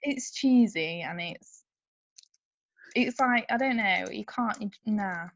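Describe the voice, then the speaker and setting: Gal cohosting a chatty podcast, gravelly voice, giggly and blunt, dull lo-fi mic. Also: female voice, medium pitch, animated, takes it slowly, dry recording. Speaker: podcast co-host. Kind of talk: casual chat.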